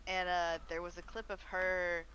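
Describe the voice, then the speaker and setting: A friend keeping a streamer company, chatting in a relaxed, rambling way with lots of "like". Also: mid-range voice, normal speed, a little hiss or hum, poor audio. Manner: relaxed, rambling, many likes. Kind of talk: casual chat.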